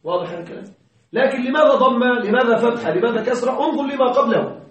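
Recorded far from the mic in a very echoey room, a man lectures a class on grammar, working through examples and posing rhetorical questions to check comprehension. He talks fast in a very high-pitched voice, and the recording sounds muffled.

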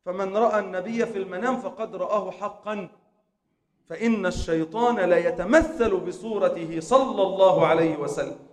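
Impassioned Egyptian preacher, high and echoey. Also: male voice, normal speed. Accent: Egyptian Arabic. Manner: impassioned, swings from quiet telling to shouting. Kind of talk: Friday sermon.

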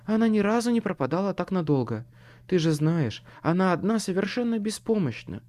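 A man voicing a tired, anxious woman who speaks in a hushed voice and snaps when pushed, in an audiobook. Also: high-pitched, very animated, brisk, voice pushed up. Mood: weary urgent.

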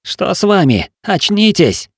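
Male reader as ship's officer: pressing, urgent, pitched well above the narrator, storybook. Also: very animated, drawn-out words, creaky, darkish tone, no echo, studio quality, full character voice.

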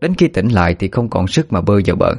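A man narrating a story at a steady, even pace. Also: fairly low pitch, quick pace, slightly rough. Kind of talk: scripted narration. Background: faint music.

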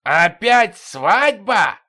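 A man's voice: a little high, sing-song, moderate pace, husky. A man voicing an impatient, exasperated king in an audiobook.

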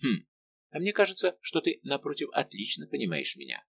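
A man reading the part of a lively young maid of honour who teases and presses her friend with brisk, insistent questions. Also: mid-range voice, gravelly, lo-fi sound, voice pushed up, heavily acted. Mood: pressing.

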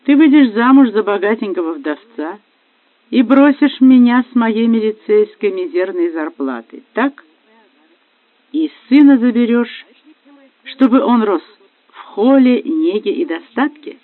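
A man's voice: high voice, unhurried, no echo, voice pushed up. A man voicing a jealous husband who accuses his wife bitterly. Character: jealous angry husband, a police officer. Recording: dry, phone-like lo-fi.

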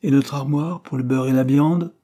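A man's voice: medium pitch, steady tone, moderate pace, dark tone, voice pushed up, close to an everyday voice. A man reading aloud voices a domineering, scolding middle-aged maidservant woman in a storybook. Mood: grumbling.

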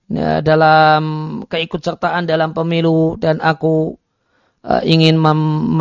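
A man's voice: fairly high pitch, vocal fry, clean tone, dry recording. A man giving a religious study lecture, reading Arabic lines and explaining them, with frequent hesitation fillers. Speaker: Islamic religious teacher. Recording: dry, dull lo-fi recording.

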